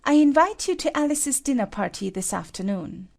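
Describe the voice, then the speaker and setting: A woman's voice: sits high, lively intonation, normal speed, vocal fry, heavily acted. A woman playing a stern, bossy, haughty queen who lectures sharply in a storybook drama. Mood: imperious.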